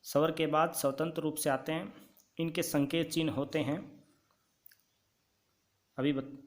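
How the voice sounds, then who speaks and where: A male teacher giving a grammar lesson, dictating notes slowly and repeating key points for students to write down. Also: fairly high pitch, level tone.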